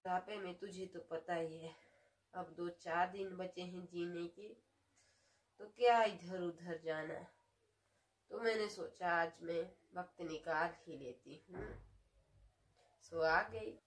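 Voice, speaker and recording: An actress playing an elderly woman friend who chats and gossips in a comic sketch. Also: lowish voice. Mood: gossipy. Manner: slow, gossipy chat.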